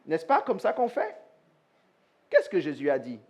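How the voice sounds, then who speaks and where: This pastor's voice sits a little high and sounds slightly rough, and he takes his time. Delivering a live sermon, he addresses the congregation head-on with questions and lively, voiced-out mini dialogues.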